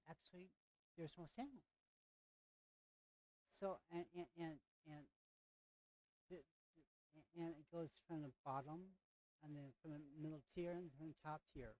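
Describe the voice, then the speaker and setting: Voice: medium pitch, unhurried, pauses often, a little mellow, poor audio. A game master narrating a tabletop role-playing scene, stumbling over and repeating words constantly. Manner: stammering, many repeated words.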